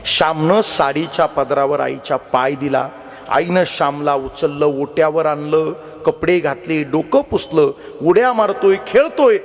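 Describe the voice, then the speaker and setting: A man's voice: fairly high pitch, unhurried. A man preaching a devotional kirtan sermon, telling a story, repeatedly urging his listeners to listen and acting out the characters' voices. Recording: long reverberant hall.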